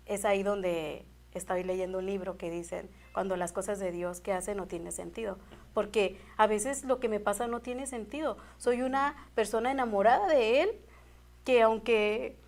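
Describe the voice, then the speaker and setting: Her mid-range voice carries a darkish tone as she gives an emotional faith testimony as a guest. Earnest and heartfelt, she keeps repeating herself and starting phrases over.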